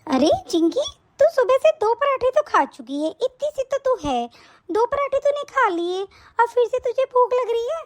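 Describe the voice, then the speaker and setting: A woman voicing a cruel young daughter-in-law and mother in an animated story, speaking in a sharp, nagging, scolding way. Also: very high-pitched, moderate pace. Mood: impatient.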